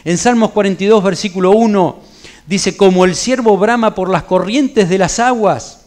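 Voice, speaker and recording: A middle-aged Argentine pastor with a Rioplatense accent and a rather high voice for a man, teaching a Bible study in church. He preaches conversationally, slipping in everyday stories and casual local slang. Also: normal speed, darkish tone. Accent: Rioplatense Spanish. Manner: conversational preaching with anecdotes and colloquial asides.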